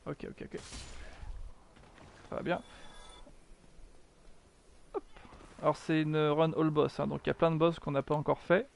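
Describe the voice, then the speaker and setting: A man's voice: on the high side, level tone, a little slow, vocal fry, pauses often, slight background noise. A man giving chatty live commentary while streaming a video game, mocking himself, swearing often and answering his chat.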